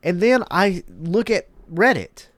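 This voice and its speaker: A man with a high, fairly bright voice hosts casual gaming commentary, reading articles aloud slowly and expressively. He sounds congested and emphatic, repeating words to stress them. There's no echo on the recording.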